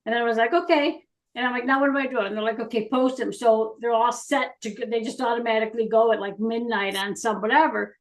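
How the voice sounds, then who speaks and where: A woman's voice: on the high side, flat delivery, fast, few pauses. A woman co-hosting a casual talk show, rambling and laughing easily, with filler sounds like "da, da, da.". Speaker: co-host. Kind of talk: casual chat.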